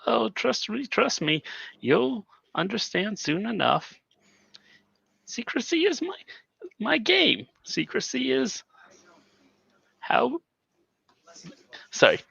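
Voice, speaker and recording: A man's voice: very high-pitched, very animated, takes it slowly, creaky, pauses often, sharp tone, husky, dry recording, lo-fi sound, voice pushed up, full character voice. Man doing a sing-song modulated secretive informant. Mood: sly. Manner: sing-song, wheedling, theatrical.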